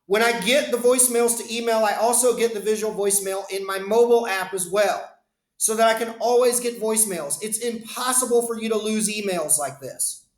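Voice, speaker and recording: This business phone system consultant has a high voice and talks fairly quickly, his words echoing around an indoor room. Appearing in a webcam inset, he walks viewers through a screen-share demonstration of voicemail to email in a chatty way, speaking straight to them.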